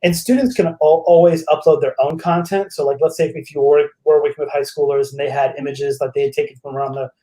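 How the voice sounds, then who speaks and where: A man's voice: fairly high pitch, flat delivery, quick pace, hardly any pauses, warm tone, poor audio. A man, a teacher guest, chatting casually on a live webinar and walking through his shared screen.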